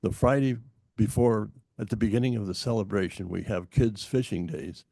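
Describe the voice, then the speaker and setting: An older man speaks at a public hearing in a very low, gravelly voice with a dark tone. He halts often, filling gaps with fillers and restarting phrases. The sound is dry and close. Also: dry recording. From Montana. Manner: halting, many fillers and restarts. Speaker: public commenter at a utility hearing. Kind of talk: formal public testimony.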